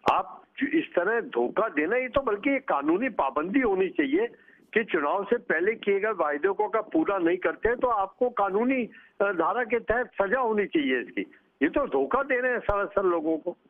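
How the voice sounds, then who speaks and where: A man's voice: high-pitched, expressive, moderate pace. Indignant man on a tinny line. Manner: indignant, accusatory. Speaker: opposition politician guest. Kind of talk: live remote news interview.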